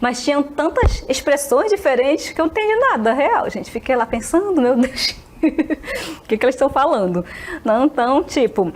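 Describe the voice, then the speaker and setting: A woman teacher with a fairly high voice gives a televised English lesson. She talks in a friendly way, keeps checking in with her students, and slows down to model each phrase carefully. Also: expressive, slight background noise. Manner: friendly, checks in constantly with short tags.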